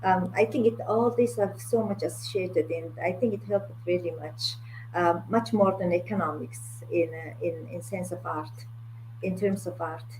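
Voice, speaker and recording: Halting woman with a Mongolian accent. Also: fairly low pitch, darkish tone, rough recording. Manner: halting, hesitant, searching for words. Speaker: guest, art curator. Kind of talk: online talk about own work. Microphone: video call. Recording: video call with faint noise and hum.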